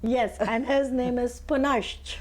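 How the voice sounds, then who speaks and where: A woman in her forties from India, a henna artist telling her story in an interview with chatty, lively restarts. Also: fairly high pitch, takes it slowly. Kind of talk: interview conversation.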